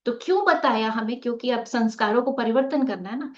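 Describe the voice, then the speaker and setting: A woman's voice: a little high, brisk. A woman teaching a live online meditation lesson, asking the class rhetorical questions, leading a group activity and mixing English words into her talk. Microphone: video call. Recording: muffled video-call audio.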